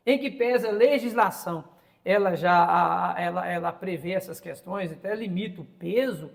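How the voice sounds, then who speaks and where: A man's voice: high voice, normal speed, gravelly, long reverb tail. A Brazilian man in his fifties hosting a casual interview, opinionated and often repeating words as he searches for them. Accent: Brazilian Portuguese. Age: 50s. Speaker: podcast host and interviewer.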